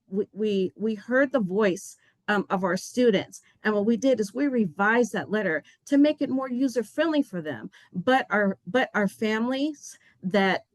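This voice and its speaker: Welcoming attendees to a webinar on behalf of her agency, a woman speaks with real passion and sincerity, though she frequently stumbles and restarts her sentences. Her voice sits in the mid-range, and the recording is dry.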